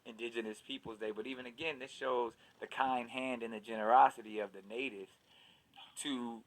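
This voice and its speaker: A man's voice: medium pitch, fairly even intonation, poor audio. Reflective man hosting a podcast chat. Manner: reflective, halting with repeated words. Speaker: host. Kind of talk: conversational podcast talk.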